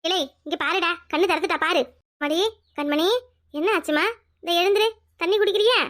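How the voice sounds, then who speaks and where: A woman's voice: very high-pitched, fairly quick, fairly bright tone. A woman voicing a scolding yet caring old village grandmother in a cartoon, with a Tirunelveli Tamil accent. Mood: fretting. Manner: scolding, fussing, chatty. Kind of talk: cartoon voice acting.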